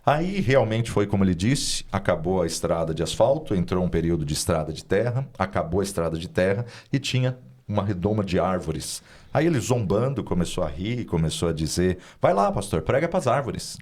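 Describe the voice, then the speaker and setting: Low-voiced pastor telling a testimony. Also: male voice, lively intonation, fairly quick, darkish tone. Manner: earnest, narrative, with many "né?" tags. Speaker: pastor and guest speaker. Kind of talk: storytelling testimony in an interview.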